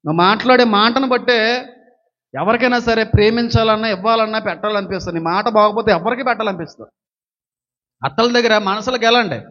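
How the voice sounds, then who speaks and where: Fast-talking pastor, man, high voice, dull lo-fi recording, animated sermon delivery that swings soft to loud.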